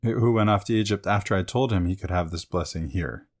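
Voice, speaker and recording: A man's voice: low-pitched, brisk. A man co-hosting a scripture discussion podcast, adding short, wry, conversational asides. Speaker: podcast co-host.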